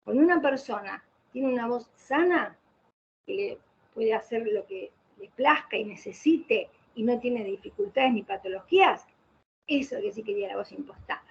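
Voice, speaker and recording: Fairly high-voiced woman lecturing online. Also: lively intonation, normal speed, vocal fry, husky. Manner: didactic, poses rhetorical questions and answers them. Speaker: voice specialist lecturing. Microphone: computer mic on a video call. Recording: muffled video-call audio with faint hiss.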